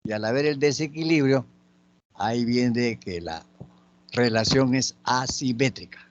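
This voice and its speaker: Slow, patient Spanish teacher, man. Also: medium pitch, lo-fi sound. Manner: slow, patient, spelling out example words. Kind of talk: spoken grammar lesson.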